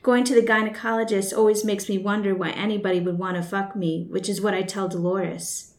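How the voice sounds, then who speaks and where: A woman's voice: mid-range voice, little pitch movement, fairly quick, darkish tone. A woman reading her own first-person fiction aloud in a wry, blunt, conversational way. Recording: echoey room.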